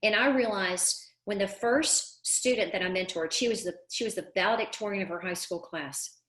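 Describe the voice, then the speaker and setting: A woman's voice: medium pitch, normal speed, fairly bright tone. A middle-aged woman coaching parents in a live online class, earnest and emphatic, repeating words for stress. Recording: echoey room.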